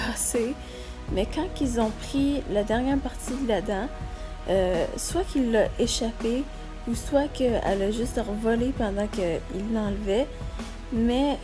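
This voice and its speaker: A woman with a Quebec French accent talking casually and candidly to her vlog viewers. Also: on the high side. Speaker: vlogger.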